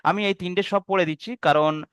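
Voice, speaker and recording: A man teaching Arabic letter reading in an online video-call class, sounding out each letter slowly and then explaining the rules. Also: high voice, steady tone, a bit bright, smooth, no room sound. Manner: slow drawn-out drilling of letter sounds.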